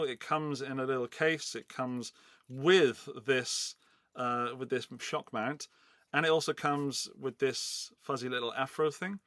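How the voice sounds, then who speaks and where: Running a laid-back livestream giveaway, this middle-aged Englishman from Gloucestershire's Forest of Dean talks in a loose, rambling, chatty manner. His medium-pitched voice has a sharp tone, recorded at studio quality without room sound.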